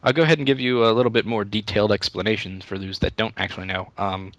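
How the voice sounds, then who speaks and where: Young guy chatting on a livestream, bright sound, kinda rambly, keeps restarting. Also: fairly low pitch, steady tone, fast, no echo, muffled recording. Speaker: YouTube Let's Play creator, interview guest. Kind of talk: casual livestream interview answers.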